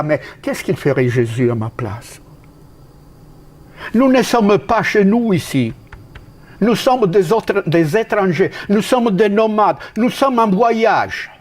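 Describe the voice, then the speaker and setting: A man from Italy preaches a sermon in a noticeably high voice, with a clear Italian accent. He speaks slowly and deliberately, leaping up and dropping down in pitch to stress points. His phrases often stop and restart mid-thought. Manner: emphatic, with sudden pitch leaps and drops and halting restarts.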